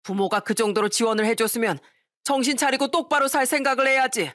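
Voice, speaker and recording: A woman's voice: a little high, steady tone, fast talker, no echo, clean studio sound, voice pushed up, close to an everyday voice. A woman voicing a stern, furious old father-in-law. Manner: shouting, scolding. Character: stern elderly father-in-law scolding his son.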